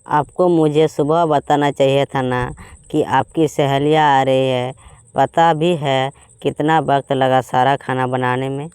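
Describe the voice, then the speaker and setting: A man's voice: mid-range voice, fairly even intonation, a little slow, a little mellow, clear, resonant tone, dry recording, lightly acted. A man voicing a frustrated young wife who answers back sharply in a storybook tale. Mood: upset. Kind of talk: storybook voice acting.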